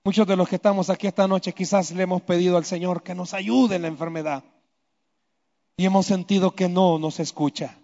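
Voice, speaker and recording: A man preaching a sermon, swinging between loud emphatic lines and hushed low ones. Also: fairly even intonation, brisk. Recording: echoey hall, dull lo-fi sound.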